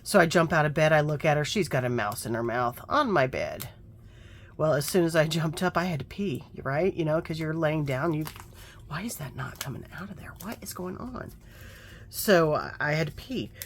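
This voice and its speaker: Low-voiced woman chatting while crafting. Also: expressive, moderate pace, a little hiss or hum. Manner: chatty storyteller, mutters to herself over her work. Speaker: craft vlogger. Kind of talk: casual chat while crafting.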